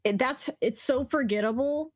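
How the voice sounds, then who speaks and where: A woman's voice: high-pitched, normal speed, dry recording. A woman running a tabletop game as game master, narrating in a casual, laughing way. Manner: casual, laughing narration with quoted character voices.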